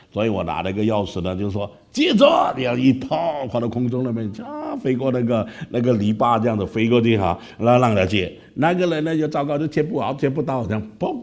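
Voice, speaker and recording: A man from Malaysia with a Malaysian Mandarin accent, telling a lively story as a preacher and often asking listeners "right?". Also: fairly low pitch. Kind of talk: storytelling sermon.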